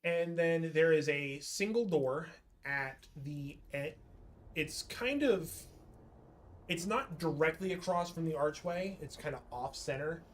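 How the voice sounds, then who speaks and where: Slow, lowish-voiced woman game master. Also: a little hiss or hum. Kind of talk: narrating a tabletop role-playing game.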